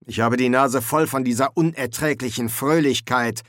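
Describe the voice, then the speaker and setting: A man's voice: mid-range voice, moderate pace, a bit bright, dry recording, clean studio sound, close to an everyday voice. A man voicing a grumbling, defiant male wizard dean in an audiobook. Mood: defiant growling. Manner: growling, defiant.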